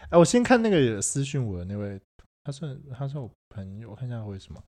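A man with a Taiwanese Mandarin accent co-hosting a casual podcast chat, joking and breaking into loud laughter. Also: mid-range voice, sing-song, a little fast. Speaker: podcast co-host. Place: studio room with echo.

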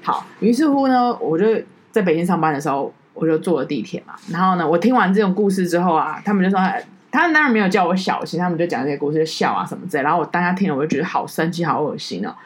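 Brief: woman podcast co-host, quick, lowish voice, lively storyteller who sinks quiet at grim moments. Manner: animated storytelling, drops low and soft on heavy moments. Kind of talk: casual chat.

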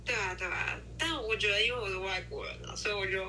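A woman's voice: mid-range voice, fairly even intonation, fast, bright, forceful tone. A young woman talking casually as a podcast co-host, sharing personal anecdotes in an informal conversational way. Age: young adult. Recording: faint background noise.

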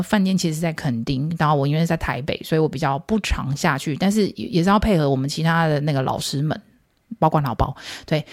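Heard in studio quality with no echo, a woman with a low, darkish voice and a Taiwanese Mandarin accent hosts a podcast in her thirties. Her casual storytelling monologue is playful and teasing, and she often chuckles at her own jokes.

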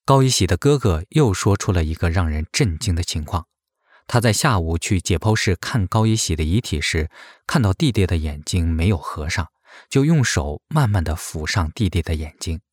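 A man's voice: sits low, lively intonation, moderate pace, no echo, clean studio sound. A man reading a grave, scripted investigative narration, posing suspicious questions.

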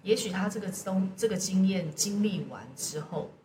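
A woman with a Taiwanese Mandarin accent chats casually on a podcast, telling things in an animated, colloquial way. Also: mid-range voice, moderate pace. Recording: roomy echo, distant mic, noisy background.

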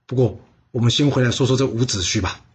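A man telling a history story in a lively way, putting on voices for the characters and asking his listeners questions. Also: medium pitch, fast. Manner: asks listeners rhetorical questions.

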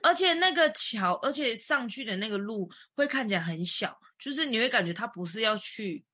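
Animated woman telling a story. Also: a little fast, husky, no echo, studio quality. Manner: animated storytelling, jumps in pitch when retelling panic. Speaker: podcast co-host. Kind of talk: casual chat.

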